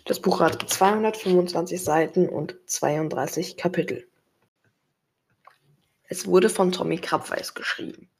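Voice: medium pitch, unhurried, gravelly, husky. A reader presenting a book and its author, reading aloud plainly with occasional slips.

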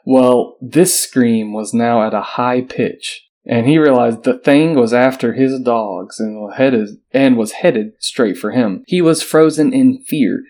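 Brief: male podcast host, mid-pitched, reads a creepy story aloud with wry asides. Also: slow pace, hardly any pauses, a little mellow. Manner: reads an article aloud, breaking off for joking asides. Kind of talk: casual podcast chat, reading a story aloud.

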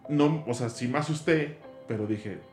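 A Mexican man swapping ghost stories in loose, slangy talk, filling his lines with "güey". His voice sits at an ordinary middle pitch. The room is echoey, with faint music under him. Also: moderate pace, darkish tone. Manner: slangy, peppers speech with "güey". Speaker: guest, zombie walk organizer. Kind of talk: casual storytelling chat.

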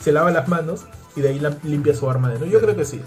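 Joking Peruvian man with high voice. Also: very fast, a little mellow, faint music behind. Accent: Peruvian Spanish. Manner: joking, hesitant restarts, laughs often. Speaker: co-host of a comedy news podcast. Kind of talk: casual comedic banter.

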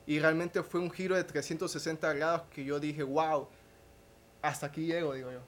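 A young man, a podcast guest telling a personal testimony in a halting way, with restarts and a questioning tag at the end of phrases. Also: on the high side, fairly even intonation, a little hiss or hum.

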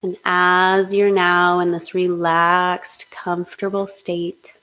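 Slow, flat-voiced woman guiding hypnosis. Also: fairly low pitch, poor audio. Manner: slow, soothing, monotone guidance. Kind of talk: guided hypnosis meditation.

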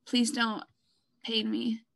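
A woman with a notably high voice co-hosts a casual podcast about music. She is chatty and playfully teasing, laughing often. Her voice sits close and dry on her microphone, with no room sound. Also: completely flat delivery, takes it slowly, creaky, fairly bright tone, no room sound. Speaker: podcast co-host. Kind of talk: casual chat reviewing songs. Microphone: own microphone while recording.

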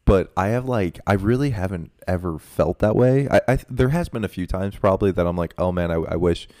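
A man's voice: lowish voice, a little fast, dark tone, no echo, studio quality. A young man co-hosting a podcast, chatting in an easygoing way full of fillers and steering the conversation. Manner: easygoing, many fillers, leads the talk. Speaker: podcast co-host. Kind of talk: casual chat.

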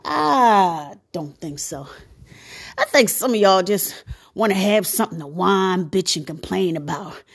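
A woman's voice: medium pitch, animated, unhurried, vocal fry, breathy edge. A woman talking straight to her viewers in a blunt, sassy rant full of slang. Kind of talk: casual monologue to viewers.

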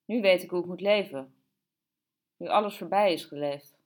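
A woman's voice: fairly low pitch, normal speed, lightly acted. A woman voicing a weary grown woman cook who speaks in a brooding way in an audiobook.

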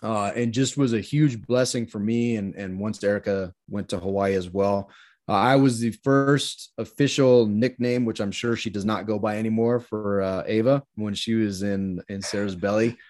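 A man's voice: lowish voice, fairly even intonation, moderate pace, a little mellow. A man in his forties co-hosting a podcast, introducing a guest in an earnest, effusive way, with many restarts. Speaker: podcast co-host. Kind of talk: casual interview chat.

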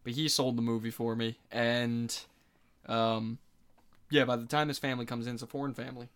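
A man's voice: mid-range voice, flat delivery, fairly quick, fairly bright tone, clean tone. A man in his mid-twenties co-hosting a podcast, telling a long rambling story, swearing freely and acting out what people said. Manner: rambling storyteller, profane, acts out quotes. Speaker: podcast co-host. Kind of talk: casual chat.

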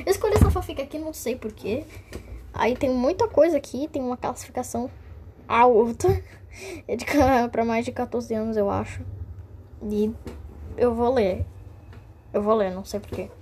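A woman's voice: on the high side, a little fast, pauses often, warm tone, a little hiss or hum. A young woman reading a fanfic aloud, with playful, jokey asides. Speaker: vlogger.

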